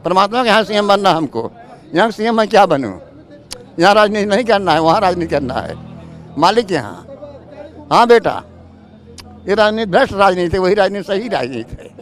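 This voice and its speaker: A man's voice: high-pitched, big pitch swings, fairly quick, long pauses, soft background music. An older man at a roadside speaking bluntly and dismissively, like a preacher, in a street interview. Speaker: villager interviewed by reporter. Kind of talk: street vox pop. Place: roadside outdoors.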